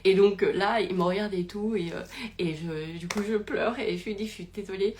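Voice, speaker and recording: A woman's voice: medium pitch, moderate pace, darkish tone, slight background noise. A young woman telling a personal story in a casual, rambling way, with many fillers and restarts, recorded live on a phone. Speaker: podcast host.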